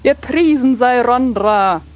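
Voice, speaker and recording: Give the listener a woman performing a grand, theatrical priestess in a tabletop role-play, declaiming a prayer like a hammy stage actor. She speaks slowly and solemnly. The sound is a little dull, with music underneath. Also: fairly high pitch, voice pushed up. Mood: solemn, exultant. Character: theatrical priestess praying grandly to a joy goddess. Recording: dull lo-fi mic over background music.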